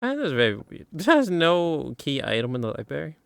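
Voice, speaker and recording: A man's voice: a little high, wildly swooping pitch, a little fast, creaky, a bit bright, clean tone, no echo. A man doing casual livestream game commentary, muttering to himself and repeating his phrases as he plays.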